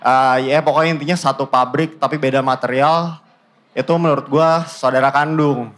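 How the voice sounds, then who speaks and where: A man in his twenties with a Jakarta accent, telling his life story in a casual, joking way with deadpan fake-outs and English mixed in. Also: mid-range voice, normal speed. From Indonesia. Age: 20s. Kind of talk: casual stand-up style storytelling.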